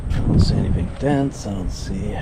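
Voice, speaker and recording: A man with a very low voice talks casually to his vlog as he looks around outside. He rambles in a plain-spoken way, and loud outdoor noise runs all through the recording. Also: moderate pace, creaky. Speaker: vlogger. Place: outdoors, walking around a residential property.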